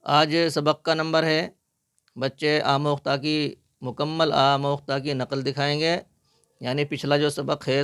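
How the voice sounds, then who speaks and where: A man with an Indian Urdu accent teaching children an Urdu spelling lesson, spelling each word out slowly, syllable by syllable. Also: fairly high pitch, a bit bright, clear, resonant tone, no room sound, studio quality. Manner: slow, deliberate spelling out of syllables.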